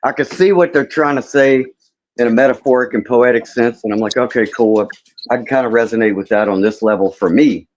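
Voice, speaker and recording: Speaking fairly quickly in a mid-range voice, this fifty-something host of an open panel stream keeps the chat casual, blunt, profane and meandering. The audio is muffled and lo-fi.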